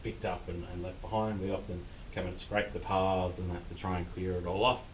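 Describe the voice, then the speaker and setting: A low-voiced Australian man gives an informal, unscripted guided tour inside a cave. He is picked up from a distance, with a noticeable rumble of background noise around his casual explanations. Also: little pitch movement, fairly quick. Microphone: distant camera mic.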